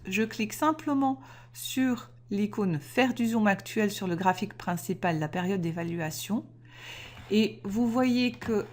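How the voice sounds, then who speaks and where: A woman explaining trading software step by step in a screen-recorded tutorial, methodical and clear, with small self-corrections. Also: medium pitch.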